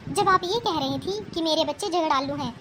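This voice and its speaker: A woman's voice: sits high, a little fast, noisy background, natural voice. A woman voicing a spoiled, demanding young married daughter in a cartoon, petulant and complaining. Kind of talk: cartoon voice acting.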